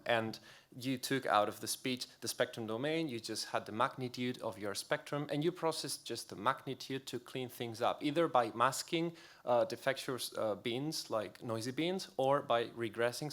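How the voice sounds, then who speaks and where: A man's voice: medium pitch, fairly bright tone. A young man with a Spanish accent giving a technical conference talk in a loose, casual way, full of fillers and restarts. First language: Spanish or Catalan. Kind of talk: technical lecture. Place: lecture hall.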